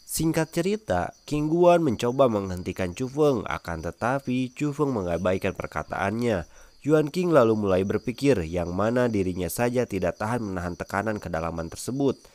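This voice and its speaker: A man narrating a comic-chapter recap as channel host, in a steady storytelling manner. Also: fairly low pitch, moderate pace. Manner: steady storytelling, friendly sign-off appeals.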